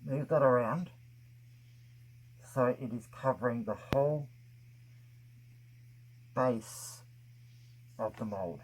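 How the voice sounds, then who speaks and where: A man's voice: medium pitch, takes it slowly, pauses often, slight background noise. A man narrating a casual hands-on craft tutorial, his voice muffled by a face mask over his mouth, explaining things step by step. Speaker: craft video host.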